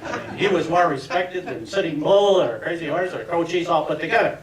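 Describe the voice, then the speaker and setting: A man in his seventies doing a stand-up routine for fellow alumni, telling tongue-in-cheek stories with deadpan punchlines. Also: on the high side, brisk, recorded from a distance. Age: 70s. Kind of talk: stand-up comedy. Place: reunion event hall with audience. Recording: echoey room miked from afar, crowd laughter.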